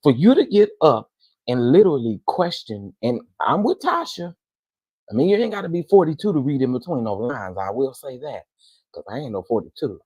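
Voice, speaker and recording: A man giving loud, scolding reaction commentary straight to viewers. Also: mid-range voice, big pitch swings, brisk, breathy edge, dry recording, low-quality recording.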